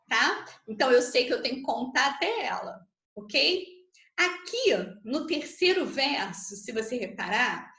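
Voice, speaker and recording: A Brazilian Portuguese accent marks this woman's slightly high, somewhat bright voice, heard in a roomy space. She's teaching literature online, patiently explaining, counting syllables aloud, and using tag questions to check on her students.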